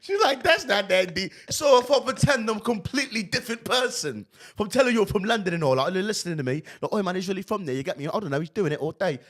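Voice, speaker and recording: A man, hosting a podcast and reacting to a clip in loud, profane, mocking commentary. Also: sits high, lively intonation, fast, few pauses. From Brooklyn, New York. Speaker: podcast host.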